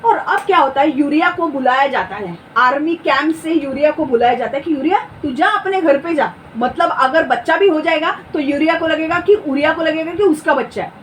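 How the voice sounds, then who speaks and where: Woman Bible teacher with a high voice. Interactive and checks on her listeners a lot. Slow, stressed verse reading. Off-mic, light noise. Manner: keeps checking the listeners understand; reads scripture slowly with emphasis. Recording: distant mic with faint background noise.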